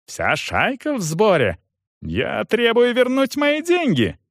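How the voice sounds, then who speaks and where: A shrill, screaming young hothead. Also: male voice, wildly swooping pitch, takes it slowly, dry recording, studio quality, heavily acted. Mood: shrieking rage. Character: hot-headed young man, shrieking, furious.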